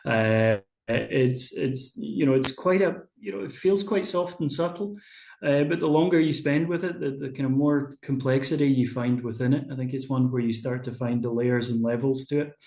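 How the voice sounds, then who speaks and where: A man's voice: mid-range voice, normal speed, vocal fry, a little mellow, echoey room. A man hosting a whisky tasting over a video call, chatty and explanatory with frequent fillers. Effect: video call audio. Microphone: computer mic on a video call.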